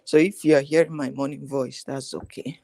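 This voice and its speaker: A woman guest talks over a remote call in a lively, chatty way and laughs easily. Her voice comes through dry and close, with no room sound around it. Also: rumbling low, normal speed, vocal fry, no echo. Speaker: guest YouTuber. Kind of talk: casual live chat.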